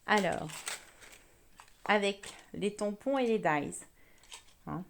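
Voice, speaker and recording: Slow-talking woman with an English accent teaching crafts. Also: mid-range voice, expressive, gravelly, a little hiss or hum. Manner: chatty, slow, talks while working with hands. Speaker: card-making instructor. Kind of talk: crafting tutorial.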